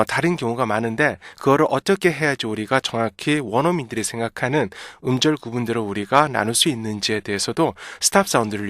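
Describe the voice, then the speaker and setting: A man gives a pronunciation lesson in a medium-pitched voice. He explains patiently, repeats each word slowly and keeps checking that his listeners follow. The recording is very dry and close, with almost no room sound. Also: fairly bright tone, dry recording. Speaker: English pronunciation teacher.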